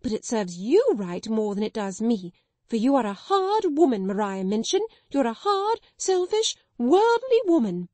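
In a dry recording, a woman voices a timid, middle-aged spinster schoolmistress who dissolves into tearful, hysterical accusations. Her dark-toned delivery is animated and moderately paced, full of pleading and shrill outbursts.

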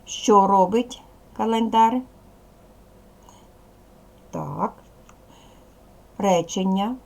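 Speaking in a mid-range voice, a Ukrainian-accented woman teaches a recorded primary school lesson. Her instructions to the young children are slow and clear.

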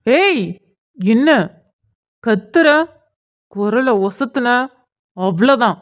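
A fierce cartoon schoolboy scolds and threatens a grown man to protect an older sister figure, voiced by a woman. The voice is slightly high and confrontational, and it sounds tinny, as if heard over a phone. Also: animated, very slow. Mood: angry.

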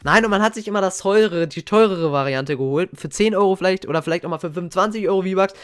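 Young guy gushing over old gaming clips, slangy and hyped, voice a bit on the high side, faint music behind. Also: quick pace, clear, resonant tone, no room sound. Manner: slangy, excitable, reminiscing. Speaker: gaming YouTuber. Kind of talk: casual reaction commentary. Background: faint game music.

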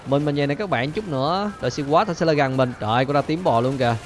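A man hosting a gaming channel, chattering excitedly to viewers as he plays and repeating his phrases, with faint game gunfire behind him. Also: a little high, fast talker, a little hiss or hum. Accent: Vietnamese. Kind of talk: excited gameplay commentary.

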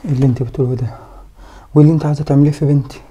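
Actor as a commanding, protective Egyptian father; warm, dark tone, quick delivery. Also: medium pitch, fairly even intonation, slight background noise, lightly acted. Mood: indignant. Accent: Egyptian Arabic. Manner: stern, commanding, threatening. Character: protective stern father, adult man. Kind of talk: amateur skit acting.

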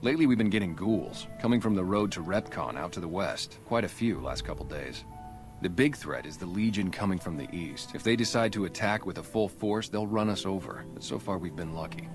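A very deep, blunt ex-gang sniper, voiced by a man for a video game, guarded and matter-of-fact. Clear music plays under his lines. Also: fairly quick, lightly acted. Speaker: town security guard. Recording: game audio with music behind.

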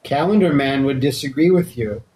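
A man's voice: mid-range voice, moderate pace, mellow, rough recording. A young man co-hosting a let's play, giving casual, joking commentary with sarcastic asides and casual swearing.

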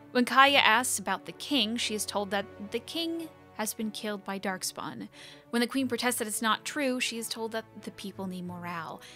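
A woman hosting a book channel, recapping novel chapters in an even storytelling read-aloud. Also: mid-range voice.

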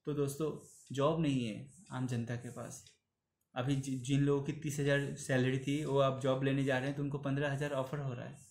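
A man's voice: medium pitch, reverberant, slight background noise. A man in his thirties giving an earnest opinion commentary to camera in a small room, pleading and slipping into English phrases. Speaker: vlogger.

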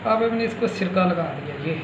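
A home cook walks through a recipe step by step in a casual way, repeating himself as he goes, his voice high-pitched, expressive and a little fast. It's a dull, echoey phone recording from a small hard-walled home kitchen, with loud sizzling in the background.

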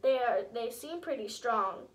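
A woman's voice: fairly high pitch, lively intonation, a little slow. Woman doing a kindly old garden gnome. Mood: encouraging.

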